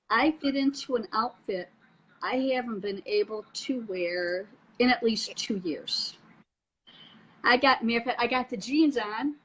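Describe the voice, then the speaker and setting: Middle-aged woman guest on a video call, a bit high-pitched, chatty and animated. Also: breathy edge, rough recording. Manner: animated storyteller, laughs often. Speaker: guest sharing her story. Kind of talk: casual chat over a live video call.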